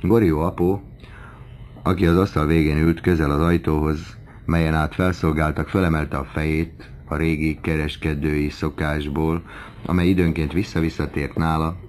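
A man narrating a classic novel as an audiobook in a measured, even reading. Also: extremely low pitch, a little hiss or hum. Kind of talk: scripted literary narration.

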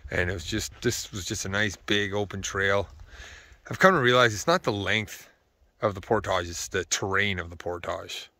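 Filmed on a handheld camera during a wilderness lake and river canoe trip, this weary man narrates his vlog casually, rambling with fillers and laughter. His lowish voice is bright and forceful, with a steady tone and normal speed. There's no room sound.

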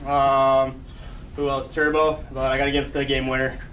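A man, a hockey player, giving informal post-game shout-outs to teammates in a locker room. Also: medium pitch, little pitch movement, normal speed, far from the mic. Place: indoor team locker room. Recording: noisy room, off-mic.

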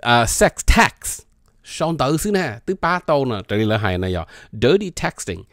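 A man presenting an informal educational talk, reading short phrases aloud and then explaining each one in a relaxed, chatty way. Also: fairly high pitch, normal speed, vocal fry, dry recording, studio quality.

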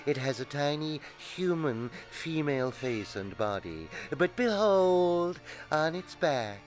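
A man's voice: on the high side, big pitch swings, slow, faint music behind, pitched above the performer's own voice. A man doing a sleazy fairground barker. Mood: grandiose. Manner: theatrical showman patter, slipping into petulant bickering. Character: seedy male freak show barker, scheming and huckstering. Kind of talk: radio comedy sketch.

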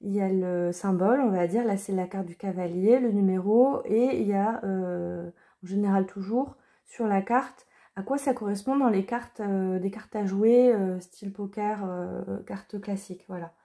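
Woman, casual deck reviewer, hesitant with fillers, mellow tone. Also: medium pitch, normal speed. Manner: hesitant, many fillers and restarts. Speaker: card reader and deck reviewer. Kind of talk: casual chat.

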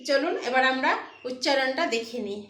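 A woman's voice: sits high, a little fast, fairly bright tone. A woman teaching recitation of a sacred verse, spelling out pronunciation patiently syllable by syllable and chanting the lines. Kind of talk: slow recitation lesson with chanting. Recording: echoey room, voice far from the mic.

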